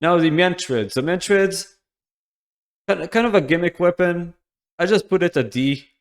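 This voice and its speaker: A man's voice: high voice, unhurried. Rambling man ranking game weapons. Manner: loose and rambling, frequent restarts and fillers. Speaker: gaming YouTuber. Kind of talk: casual game commentary.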